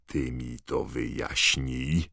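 A cold, venomous teacher from an audiobook, as a male narrator puts him on. He speaks quietly in a very deep, dry voice, each word clipped and icy. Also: very animated, measured pace, no room sound, heavily acted.

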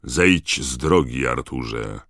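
A man voicing a cold, rough-voiced, furious male official in an audiobook, barking accusations. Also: a bass voice, slow pace, a bit bright, dry recording, studio quality, full character voice. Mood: cold, accusing. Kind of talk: audiobook character voice.

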